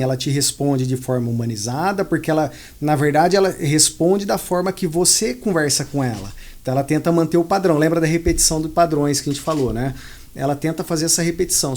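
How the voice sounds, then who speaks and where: High-voiced Brazilian man explaining patiently. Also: darkish tone. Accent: Brazilian Portuguese. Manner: patient, repeats key points for emphasis. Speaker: invited specialist. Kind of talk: explanatory interview talk.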